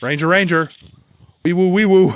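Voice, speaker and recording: A video host reviewing horror channels gives casual, rambling, enthusiastic reaction commentary and swears freely. His voice is on the high side and his pace measured.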